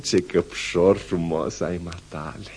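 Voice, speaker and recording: An actor playing a kind, playful male circus polar bear who talks in a gentle, coaxing way. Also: deep voice, steady tone, breathy edge. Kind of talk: radio play acting.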